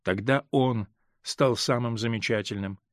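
A male reader voicing a hurt, stern middle-aged husband in an audiobook, speaking in a measured, grave way that holds back pain. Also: medium pitch, no room sound, clean studio sound, lightly acted. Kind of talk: audiobook character reading.

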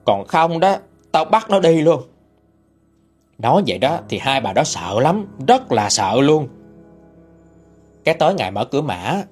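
A man's voice: mid-range voice, a little mellow, husky. A man retelling a ghost story in a chatty, conversational way. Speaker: narrator.

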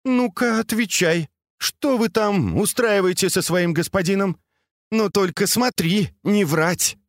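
A man reading aloud, voicing an imperious, sharp-tongued noblewoman who scolds and commands her servants. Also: deep voice, very animated, a little slow, dry recording, studio quality, pitched above the performer's own voice. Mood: angry.

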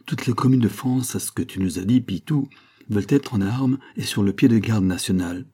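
A man reading the part of an eager young village conspirator who pushes his friend to lead, a little higher than his narration. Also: normal speed, dark tone, breathy edge. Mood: urging. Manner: pushy and persuasive.

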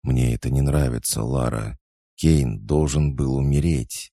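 A man's voice: extremely low pitch, fairly even intonation, a little slow, creaky, dark tone, no echo, studio quality, voice pushed up, full character voice. Man voicing a tense young empress. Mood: weary. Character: weary, frightened young empress.

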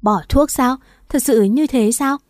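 A brazen, scheming young woman who taunts and laughs with scorn, put on by a woman reading the story. The voice sits a little high and sounds mellow and soft-edged, in a dry, close storybook recording. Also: a little slow, no echo. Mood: mocking.

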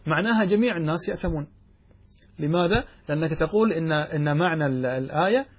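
Teaching Arabic grammar, a man reads aloud and explains the material step by step, regularly questioning the class and then responding himself. His voice is fairly high in pitch and slightly rough.

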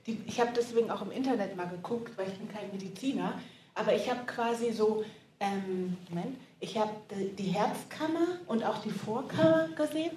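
A woman's voice: a little high, darkish tone. A woman describing a vision hesitantly, then praying aloud. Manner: hesitant, searching for words, many fillers. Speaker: prayer team member sharing a vision. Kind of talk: prayer and testimony. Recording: echoey hall with faint background noise.

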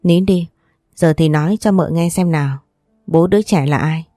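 A woman's voice: lowish voice, moderate pace, dry recording, studio quality, faint music behind, natural voice. A woman voicing a kind young mistress of a wealthy house, soothing and coaxing as she speaks. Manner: gentle, soothing, persuasive.

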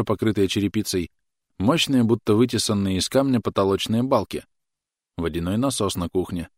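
Casting: male audiobook reader, low voice, dry close recording, measured delivery. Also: no echo. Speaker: audiobook narrator. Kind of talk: scripted narration.

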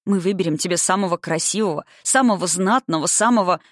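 A fussy middle-aged governess, put on by an audiobook reader, all emphatic, theatrical dismay. Her pitch sits mid-range, and the recording is dry and close. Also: fast talker, a bit bright, no room sound, close to an everyday voice. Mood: fretful. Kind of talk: audiobook reading.

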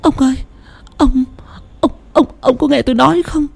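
A woman's voice: sits high, steady tone, normal speed, gravelly, a little mellow, husky, heavily acted. A woman playing a sobbing old widow. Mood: tearful pleading. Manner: tearful, pleading, sobbing. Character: grieving old widow haunted by her husband.

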